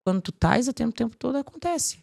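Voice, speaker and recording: A woman guest on a podcast, talking in a lively, casual way about faith and her work, often filling her speech with "tipo assim". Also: on the high side, fast, creaky.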